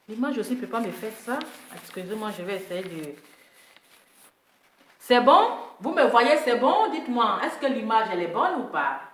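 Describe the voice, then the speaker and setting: A woman's voice: fairly high pitch, noisy background. A woman hosting a casual live stream, teasing and laughing as she talks straight to her viewers and repeats herself. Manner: repetitive, teasing, often laughing, addresses viewers directly. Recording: echoey room, voice from far off the mic.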